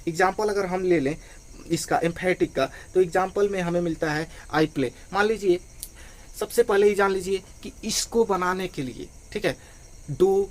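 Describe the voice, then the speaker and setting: A man's voice: high voice, measured pace. A man teaching an online grammar lesson, who explains step by step and repeats phrases often.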